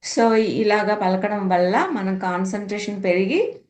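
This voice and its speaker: A woman's voice: mid-range voice, measured pace, a little mellow. A woman teacher patiently explaining meditation practice step by step, mixing English words into her talk. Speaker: spiritual teacher. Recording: echoey room.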